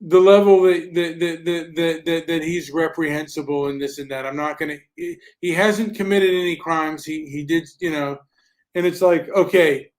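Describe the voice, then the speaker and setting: A man's voice: on the high side, steady tone, moderate pace. A man hosting his podcast in casual chat, stammering and repeating words when pressed. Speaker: podcast host.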